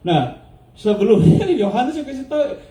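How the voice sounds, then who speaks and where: A man's voice: very high-pitched, big pitch swings, moderate pace, mellow, roomy sound. A male pastor preaching a sermon, questioning his congregation, laughing often and dropping English words into his speech. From United States.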